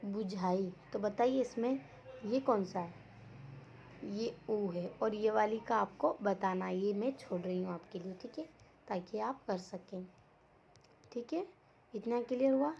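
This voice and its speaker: A woman's voice: medium pitch, a little slow, creaky, pauses often, mellow. A woman teacher giving an online class lesson for young children, talking patiently, repeating words and asking the class questions. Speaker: school teacher. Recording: dull lo-fi audio with faint noise.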